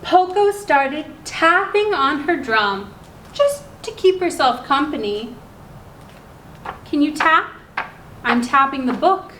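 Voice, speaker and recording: Very animated and a bit bright, a high-pitched woman hosts library story time, reading to young children and pausing to quiz them in a simple, instructive manner. The sound is roomy and echoey, with clear background noise.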